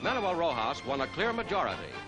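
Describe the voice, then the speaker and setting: A man narrating a 1940s newsreel in a brisk announcer delivery, in the manner of old newsreel narration. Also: fairly high pitch, wildly swooping pitch. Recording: old newsreel soundtrack with loud music. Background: loud music.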